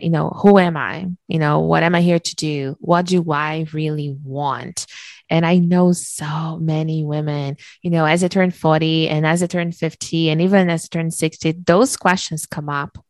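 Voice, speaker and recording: A woman's voice: on the low side, no room sound. A woman hosting an interview, enthusiastic and chatty, leaning on fillers. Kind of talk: conversational interview.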